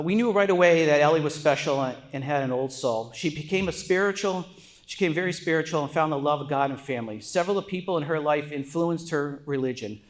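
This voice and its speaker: A middle-aged man giving a father of the bride speech at a wedding, prepared and sprinkled with joking asides. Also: a little high.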